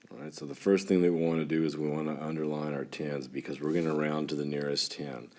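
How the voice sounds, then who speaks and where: A man's voice: a bass voice, fast, gravelly, darkish tone. A man from West Texas with a West Texas twang, teaching an informal lesson in a folksy way, as if to a class of children. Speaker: school teacher. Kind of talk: instructional math lesson for students, informal.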